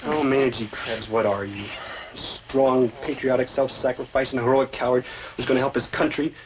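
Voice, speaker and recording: An actor playing a hungry, childish, cowardly young American beatnik in a 1960s sitcom, talking in slang and dramatic exclamations. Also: male voice, mid-range voice, steady tone, moderate pace, background noise, close to an everyday voice. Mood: sneaky, torn. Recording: old TV soundtrack with music behind.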